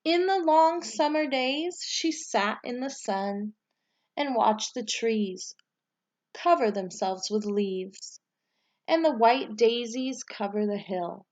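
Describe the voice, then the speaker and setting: A teacher reads a storybook aloud to her pupils and gives them clear, child-friendly instructions. Her voice is on the high side with a darkish tone, and she speaks slowly.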